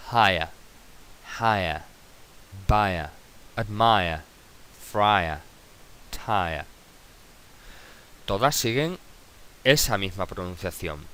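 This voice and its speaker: Patient Spanish teacher, low voice. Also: male voice, a bit bright. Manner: patient, repeats example words slowly. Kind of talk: recorded video tutorial lesson.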